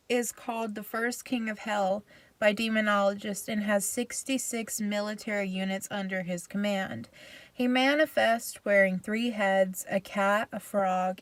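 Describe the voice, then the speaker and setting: A woman's voice: mid-range voice, no echo. A woman giving a casual, chatty review with a self-deprecating manner, recorded inside a parked vehicle. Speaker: video reviewer.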